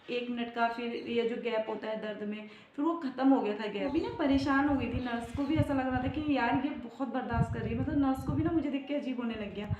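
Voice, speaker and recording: A young woman with a high voice shares a personal story in a confiding, emotional tone, leaning on fillers as she talks. The room sounds echoey and the sound is a little dull. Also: darkish tone, slight background noise. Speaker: vlogger. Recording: roomy, slightly dull home recording.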